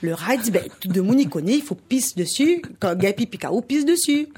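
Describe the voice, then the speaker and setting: A woman's voice: fairly high pitch, animated, a little fast, a little mellow, husky. A woman from Réunion with a Réunion Creole French accent, telling a folk tale on the radio with sound effects and laughter. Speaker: storyteller guest.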